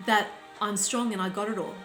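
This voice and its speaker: A woman life coach speaking reflectively to her audience, in a slow, deliberate and gently instructive way. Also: medium pitch, fairly even intonation. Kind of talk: reflective talk to camera. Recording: roomy sound with faint background music.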